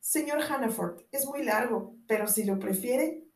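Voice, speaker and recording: A woman's voice: a little high, measured pace, a little mellow, distant mic, natural voice. A sleepy young woman, polite on the surface and cheeky underneath, as a woman narrator puts her on. The audiobook recording has a roomy, echoing sound. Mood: drowsy. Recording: roomy echo.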